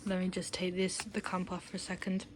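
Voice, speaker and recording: With a fairly low, totally flat voice, a young woman briskly narrates a casual vlog from her stable yard, rambling and joking as she films. The audio is poor, with background noise from outdoors.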